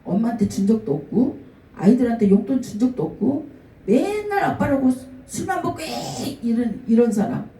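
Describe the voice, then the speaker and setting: A middle-aged woman pastor with a fairly high voice preaches at normal speed in a church sanctuary, sharing stories of people she has met and acting out their words with lively flair. The room is echoey and the microphone is placed at a distance.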